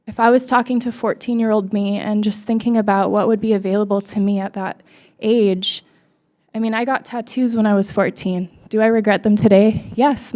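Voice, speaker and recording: A woman's voice: mid-range voice, mellow. A woman in her thirties from Hawaii giving emotional, conversational personal testimony at a podium microphone in a legislative hearing room. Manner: emotional, conversational, with fillers like "you know".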